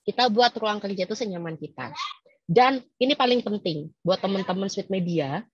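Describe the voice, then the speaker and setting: A woman speaking in a casual, lively webinar talk to staff, teasing and quizzing her listeners. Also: mid-range voice, moderate pace, breathy edge, no echo, highs cut off.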